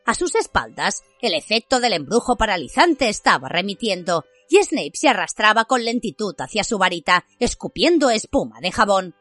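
A woman narrating a fantasy novel as an audiobook, with expressive storytelling. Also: mid-range voice, moderate pace, hardly any pauses, no room sound, faint music behind. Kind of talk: scripted fiction narration.

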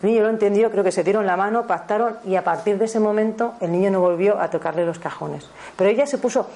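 A woman's voice: medium pitch, dark tone. A woman in her fifties with a Spanish accent from Spain, a teacher giving a spiritual talk on parenting, who often corrects herself and checks in with her listeners. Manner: fast, self-correcting, checks in with the audience.

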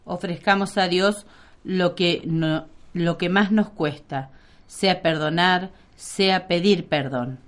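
A woman's voice: fairly low pitch, slow pace. A woman reading prayer intentions and responses as a lay reader at Mass.

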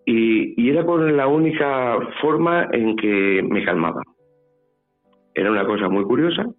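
Telling a personal story as a phone-interview guest, a man from Spain with a Spanish accent sounds hesitant and repeats himself. His medium-pitched voice is animated but unhurried, heard through a tinny line with faint music.

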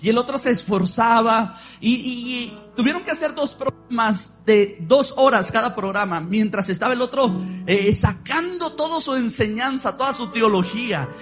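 A man delivers an animated sermon, leading his congregation to repeat after him. His voice sits very high for a man. Soft music plays faintly behind him in the church. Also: normal speed. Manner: animated preaching with call-and-response. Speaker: pastor.

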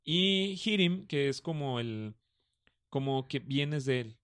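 A young man with a Mexican Spanish accent, co-hosting a casual chat, slangy and relaxed, laughing often as he tells stories. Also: mid-range voice, slow pace, clear, resonant tone, dry recording, clean studio sound. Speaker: co-host.

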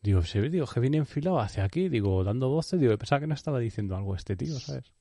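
A man's voice: mid-range voice, expressive, fast talker, dark tone, no room sound, studio quality. A man telling a joking street anecdote in slangy casual chat.

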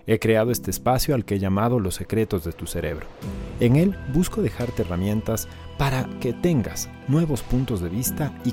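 A man with a low voice reads a calm, scripted show opening. Clear music plays behind him throughout. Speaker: show host. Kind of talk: scripted narration.

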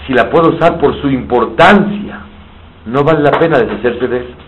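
A man's voice: medium pitch, moderate pace. Guy giving a sermon, asks himself questions and answers them, a bit muffled w/ faint hiss. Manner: explains terms in Hebrew and Spanish, asks and answers his own questions. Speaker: rabbi teaching Torah. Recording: slightly dull, faint background hiss.

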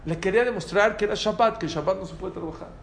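A man with a fairly high voice teaches a small group, animated and full of rhetorical questions. The sound is roomy, with a faint hum of noise behind him. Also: quick pace. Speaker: Torah teacher. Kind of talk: lively spoken Torah class.

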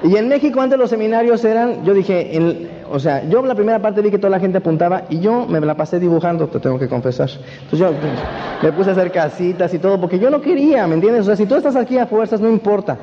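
A man with a Mexican accent giving an animated personal testimony to a seminar audience, often checking that they follow him. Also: sits high, fast. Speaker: motivational speaker at a network marketing event. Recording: dull echoey hall recording with faint hiss.

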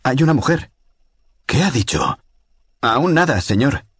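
A man voicing a young military radio operator who is formal, slow and deferential. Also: mid-range voice, big pitch swings, fairly bright tone, breathy edge, no room sound, clean studio sound, pitched above the performer's own voice, full character voice.

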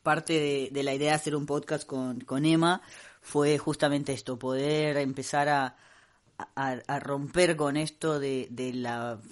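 A man's voice: fairly high pitch, fairly even intonation, a little slow. A man, co-hosting a casual unscripted podcast chat, hesitant and full of restarts, speaking into a handheld mic. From Costa Rica. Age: 30s. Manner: hesitant, restarts often, laughs easily. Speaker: podcast co-host.

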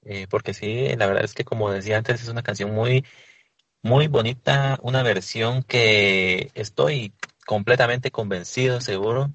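A man hosting an interview who asks questions in a measured, formal way. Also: medium pitch, fairly even intonation, a bit bright, a little hiss or hum. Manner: measured and formal, says amen.

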